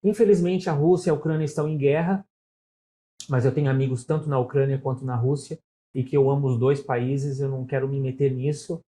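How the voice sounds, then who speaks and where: Here a middle-aged man from Brazil, speaking São Paulo-accented Portuguese, is a chatty interview guest telling stories and often saying "né?". His mid-range voice is mellow and brisk, with a flat delivery.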